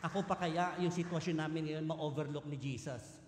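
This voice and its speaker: A man's voice: a little high, steady tone, moderate pace, a crowd in the background, noisy background. A man with a Filipino accent preaching a sermon, earnest and emphatic, moving between Tagalog and English. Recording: echoey hall with long reverb.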